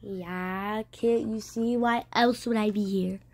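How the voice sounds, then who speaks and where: A woman's voice: medium pitch, fairly even intonation, takes it slowly, darkish tone, dry recording, low-quality recording. Goofy young woman doing a solo skit. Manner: goofy, slips into whispered asides. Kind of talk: silly solo comedy skit.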